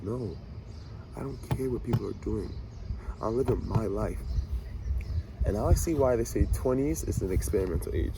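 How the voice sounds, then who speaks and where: A man in his twenties giving an animated, preachy motivational monologue to camera, talking to himself and his viewers with swagger. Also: fairly low pitch, normal speed, pauses often, noisy background. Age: 20s. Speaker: vlogger.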